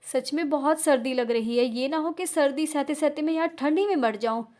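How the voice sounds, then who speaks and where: A woman's voice: sits high, a little fast, a little mellow, close to an everyday voice. A woman playing a trembling, pleading young wife. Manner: stammering, pleading, tearful. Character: frightened, shivering young wife.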